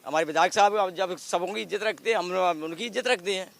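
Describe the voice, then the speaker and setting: A man's voice: sits high, brisk, vocal fry, a bit bright. A man from the village answering a reporter's questions earnestly, often restarting his sentences. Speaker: villager interviewee. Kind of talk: street interview. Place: outdoors in a village.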